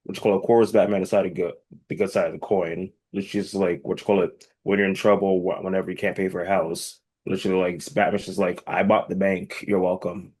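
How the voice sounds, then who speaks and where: A man's voice: sits low, level tone, a little fast, hardly any pauses, darkish tone, husky. A man co-hosting a casual movie podcast, blunt and profane, often searching for words. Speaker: podcast co-host. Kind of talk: casual movie review chat. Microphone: podcast microphone.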